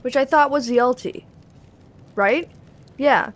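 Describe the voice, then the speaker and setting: A woman's voice: high-pitched, slow. A young woman streaming a game, chatting casually and rambling, swearing now and then, into a cheap desk mic. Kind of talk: casual gaming stream chat. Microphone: cheap desk mic on an arm.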